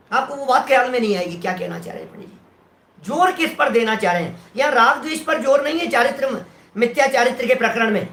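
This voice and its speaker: Bright-voiced man teaching scripture, roomy echo. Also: very high voice. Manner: explanatory, often checks that listeners follow. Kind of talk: religious scripture lecture.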